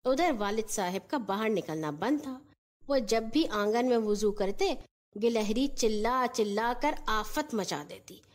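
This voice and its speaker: Slow-paced, higher-voiced woman storyteller. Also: lively intonation. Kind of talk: scripted narration of a children's story.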